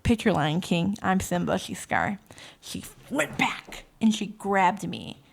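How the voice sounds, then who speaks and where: A woman co-hosting a podcast, telling a story in casual, animated chat, swearing often and acting out voices when she quotes. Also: mid-range voice, takes it slowly, vocal fry, slight background noise. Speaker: podcast co-host.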